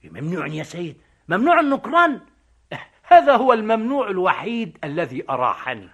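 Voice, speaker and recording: A man's voice: sits high, sing-song, a little fast, exaggerated voice. A man acting a cheeky, witty Egyptian vagabond in a stage comedy, joking and mocking. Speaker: stage actor.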